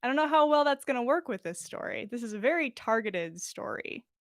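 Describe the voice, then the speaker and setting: A slightly high, animated female voice moves at a fairly quick pace, captured dry. As host of a podcast livestream, she reads fan fiction and chats close to her pop-filtered mic, giggly and informal with casual swearing.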